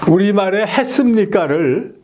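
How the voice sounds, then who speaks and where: A middle-aged man explaining English pronunciation in a lesson, often checking in with a quick rhetorical "yes?". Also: high voice, slight background noise. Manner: animated, frequent rhetorical "예?" checks.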